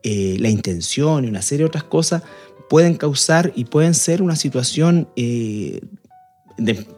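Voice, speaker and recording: Earnest, mellow-voiced married man explaining. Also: medium pitch, lively intonation, measured pace, soft background music. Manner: earnest, explaining at length with many restarts. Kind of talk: casual discussion.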